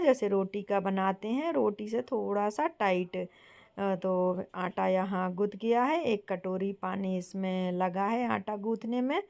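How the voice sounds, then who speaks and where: A young woman from Bundelkhand hosting her home cooking channel, calmly explaining each step to viewers. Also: mid-range voice, creaky. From Bundelkhand, India. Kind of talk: casual cooking tutorial.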